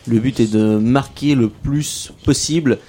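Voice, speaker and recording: A man hosting a casual local radio show, playful and self-mocking, gently drawing out the young guests. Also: medium pitch, a little slow. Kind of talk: casual radio chat with children.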